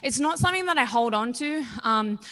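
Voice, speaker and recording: In a post-fight interview, a twentysomething Australian woman who fights professionally speaks with candor, confidence, and ease. Her voice is a little high, pushed and bright, animated, and fairly quick.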